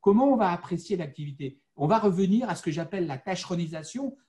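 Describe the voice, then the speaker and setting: High-voiced man from the Vosges. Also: expressive, dark tone. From France, Vosges. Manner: measured, explanatory, with frequent fillers. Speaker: panel speaker. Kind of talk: panel discussion.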